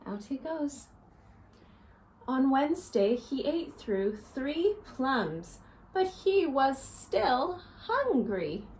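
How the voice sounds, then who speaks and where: Here a woman in her thirties acts like a teacher, giving an expressive picture-book read-aloud and simple lesson to small children indoors in a small living room. Her pitch is fairly high and her delivery very animated, yet she phrases things slowly and deliberately. The low-quality recording has faint ambient noise.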